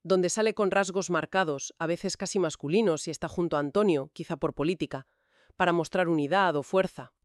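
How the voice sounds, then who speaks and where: A podcast co-host with a measured, explanatory manner, laying out history points one by one in casual conversation. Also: medium pitch, no room sound, clean studio sound.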